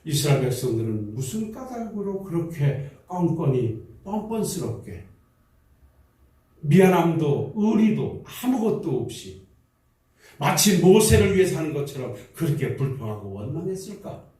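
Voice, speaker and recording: A male pastor preaching with fervor, his fairly high voice rising and falling through repeated rhetorical questions. The sound is heavily echoey and comes from some distance, like a church sanctuary picked up from across the room. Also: sing-song, normal speed, dark tone. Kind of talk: sermon.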